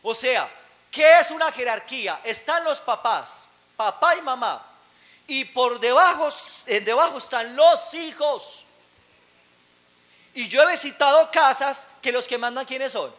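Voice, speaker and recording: High, bright-voiced preacher. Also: male voice, animated, unhurried. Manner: emphatic, rising to shouts on key words; asks the congregation rhetorical questions. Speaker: pastor. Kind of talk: sermon. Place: church service, recorded live.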